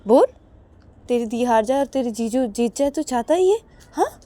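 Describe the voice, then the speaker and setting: A woman's voice: on the high side, lively intonation, normal speed, dark tone, pitched below the performer's own voice, natural voice. A woman voicing a possessive, stubborn older sister who keeps insisting and demanding answers in a spoken storybook. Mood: reproachful. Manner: insistent, repeatedly demanding "haan?".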